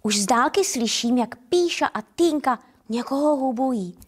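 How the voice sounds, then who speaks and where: Woman, Czech accent, high voice, gentle playful storybook narration. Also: expressive, slightly rough. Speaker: storyteller reading to children. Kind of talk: first-person fairy tale narration.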